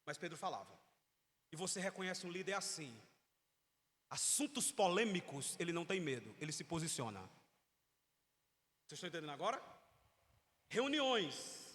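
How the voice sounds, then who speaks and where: A man's voice: on the high side, very animated, normal speed, pauses often, a bit bright. A man with a Brazilian Portuguese accent preaching a teaching sermon in church, emphatic and asking the congregation questions. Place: church sanctuary. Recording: long reverb of a church hall.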